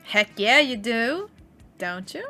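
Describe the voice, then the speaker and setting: Bright-voiced woman streamer joking. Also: fairly high pitch, sing-song, slow, soft background music. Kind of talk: casual game stream chat.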